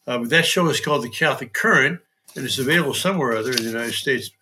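An older man, a priest, hosting a podcast interview, with dry humor and frequent throat clearing. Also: medium pitch, rapid-fire, bright, forceful tone, a little hiss or hum. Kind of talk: conversational interview.

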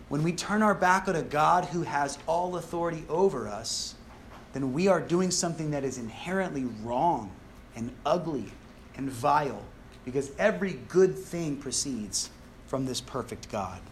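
A man with a slightly higher voice preaches a sermon, earnest and emphatic as he tells the story. A faint hum of room noise sits behind him. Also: animated, a little slow.

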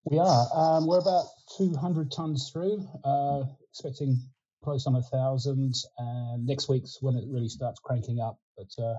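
A winemaking consultant in his sixties, a guest in a casual interview, speaks with an Australian accent, though Ukrainian is his first language. His mid-range voice is unhurried with a breathy edge, and he rambles in a relaxed way with many fillers and restarts. The audio is dull.

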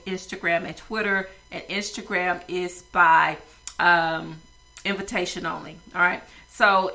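A woman's voice: fairly low pitch, pushed and bright, low-quality recording. A woman hosting a podcast with a stuffy nose, talking casually and rambling with many fillers. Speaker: podcast host.

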